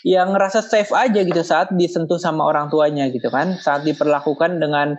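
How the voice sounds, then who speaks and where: A guest expert calmly explaining in a podcast interview, sometimes acting out scolding parents in a raised voice. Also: medium pitch, brisk. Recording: muffled lo-fi audio.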